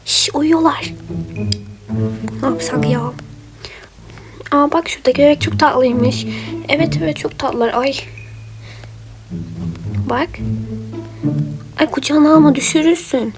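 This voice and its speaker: A woman voicing characters in a doll game role-play, lively and chatty, switching between them. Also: sits high, unhurried, long pauses. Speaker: role-play video maker. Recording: background music.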